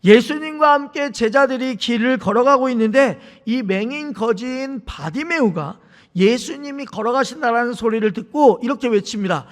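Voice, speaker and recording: A man's voice: very high-pitched, lively intonation, moderate pace. A man preaching a sermon as pastor, telling stories and acting out the people in them, in a church sanctuary. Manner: storytelling, acting out the people in his examples. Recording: reverberant church hall.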